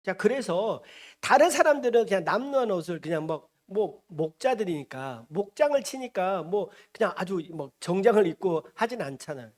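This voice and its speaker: A man preaching as a pastor, retelling a scripture story in a lively way and acting out the characters as he goes. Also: high voice, moderate pace, few pauses. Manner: animated, acts out the characters he describes. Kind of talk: storytelling sermon. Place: church.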